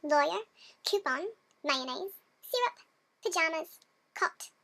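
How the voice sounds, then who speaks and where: A woman's voice: very high voice, expressive, takes it slowly, sharp tone, voice pushed up, heavily acted. A Canadian woman putting on an exaggerated British accent and reading single words in a sing-song lilt. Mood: playful. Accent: fake British accent over Canadian. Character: young woman faking a posh British accent.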